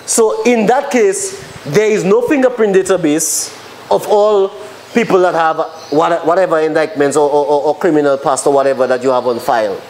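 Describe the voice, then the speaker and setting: A man's voice: fairly high pitch, normal speed, darkish tone, slight background noise, rough recording. A man with a Dominican accent leading a panel discussion, earnest and stumbling over words as he makes his points. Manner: earnest, restarts often. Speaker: panel moderator.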